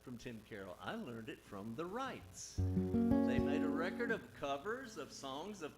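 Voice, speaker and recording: A man's voice: on the high side, very animated, unhurried, low-quality recording. A man, a singer-songwriter giving rambling, folksy banter between songs on a live stage. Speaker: singer-songwriter introducing his band. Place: live music stage with audience. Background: guitar and band instruments.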